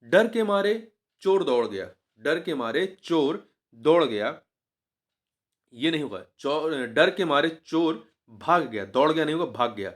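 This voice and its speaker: A man's voice: a little high, big pitch swings, measured pace. A man teaching as an exam coach, going through a grammar test paper, patiently repeating each word and spelling it out syllable by syllable.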